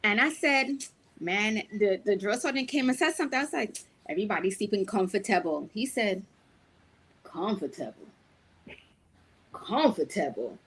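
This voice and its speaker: A woman's voice: medium pitch, fairly quick, husky. A woman in her forties from Brooklyn with a Guyanese-tinged Brooklyn Caribbean accent, telling a story as a panelist. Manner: animated storyteller, acts out quotes. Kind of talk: casual panel discussion.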